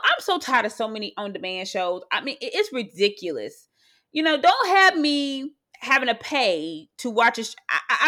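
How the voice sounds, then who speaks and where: Woman co-host, animated rant, repeats herself. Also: a little high. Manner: animated, ranting, repeats phrases. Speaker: podcast co-host. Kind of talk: casual chat and rant.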